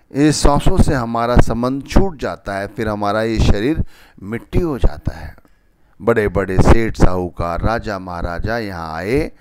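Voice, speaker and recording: Slow-paced male spiritual mentor preaching. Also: medium pitch, a little mellow, no echo. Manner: wise mentor, patiently explaining with everyday examples. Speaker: spiritual teacher giving satsang discourse. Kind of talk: devotional sermon quoting and explaining scripture.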